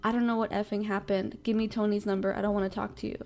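A woman's voice: mid-range voice, flat delivery, quick pace, a little mellow, close to an everyday voice. Woman mimicking a flippant, dismissive young mother. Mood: snappy. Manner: dismissive, snappy, with attitude. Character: flippant young mother under police questioning.

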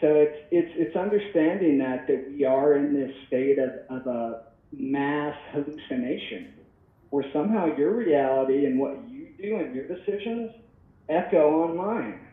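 A man's voice: fairly high pitch, lively intonation, unhurried. A man in his thirties, a podcast guest in casual talk, rambling and reflective with many restarts, heard over the phone. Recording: tinny, echoey phone line.

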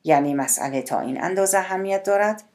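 A woman's voice: mid-range voice, darkish tone, voice pushed up, lightly acted. A woman voicing a polite, cautious male government spokesman. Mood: courteous.

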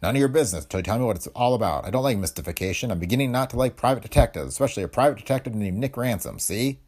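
A man voicing a sarcastic, hot-tempered young husband who stands up for his wife, with a gravelly, husky voice. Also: medium pitch, expressive, very fast, darkish tone, lightly acted. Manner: sarcastic, combative.

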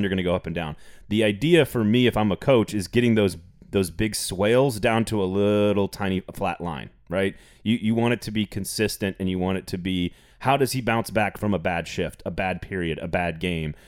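A man hosting a sports podcast, talking casually and rambling with frequent restarts. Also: deep voice. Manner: rambling, repeats words, laughs often. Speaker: podcast host.

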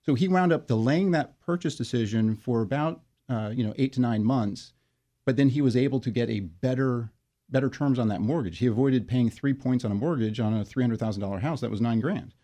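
A man being interviewed as a guest, explaining his work in a measured way with frequent fillers and restarts. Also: mid-range voice, warm tone. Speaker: interview guest, financial wellness company leader. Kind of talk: conversational interview.

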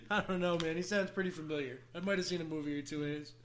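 A man with a high, forceful voice hosts a comedy podcast. He talks casually, teasing his co-host and swearing as he goes. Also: steady tone, fast, a little hiss or hum. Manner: teasing, profane. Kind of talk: casual comic banter.

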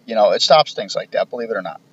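A middle-aged man, a retired police officer, telling wry, profane stories from his career in a deadpan way. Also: on the low side, quick pace, husky. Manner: profane, wry, deadpan storytelling with quoted dialogue. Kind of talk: casual storytelling. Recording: dull lo-fi podcast recording, faint hiss.

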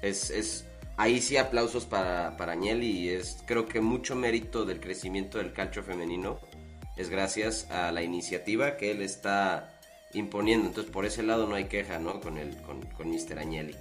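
Casting: male podcast panelist, fairly low voice, casual analysis, faint music underneath. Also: normal speed.

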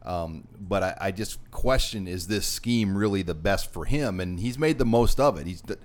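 A man's voice: deep voice, animated, moderate pace. An American man hosting a sports talk show, counting down a ranked list of players in conversation.

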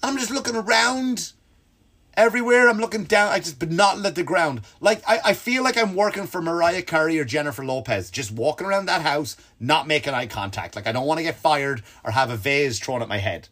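A man's voice: brisk, hardly any pauses. A man hosting a comedy podcast, ranting animatedly and swearing, with his voice jumping up when he gets worked up. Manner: animated, swearing, pitch leaps when excited. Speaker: podcast host. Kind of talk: comedic storytelling rant.

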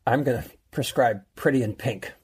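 A man's voice: mid-range voice, moderate pace, a little hiss or hum. A man co-hosting a casual chat, jokey and chatty, laughing often. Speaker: co-host.

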